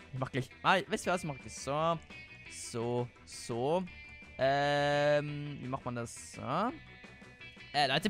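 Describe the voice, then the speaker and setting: A man's voice: fairly high pitch, a bit bright. A young man hosting a casual game video, rambling and talking to himself with many fillers. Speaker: gaming video host. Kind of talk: casual let's play commentary.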